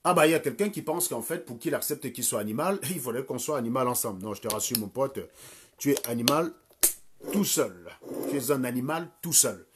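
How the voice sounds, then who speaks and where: A man's voice: mid-range voice, animated, a little fast, slightly rough. A man in his thirties ranting scornfully and crudely during a live stream from home. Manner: insulting, crude, scornful rant. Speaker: livestream commentator.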